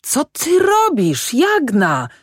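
A woman voicing an excitable middle-aged male peasant farmer who speaks in rustic dialect, grumbling and shouting at times. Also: sits low, measured pace, no echo, studio quality, heavily acted. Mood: angry shouting.

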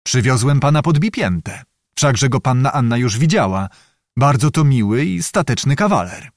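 A man's voice: mid-range voice, animated, normal speed, no room sound, close to an everyday voice. A man voicing a dry, ironic young lieutenant in an audiobook.

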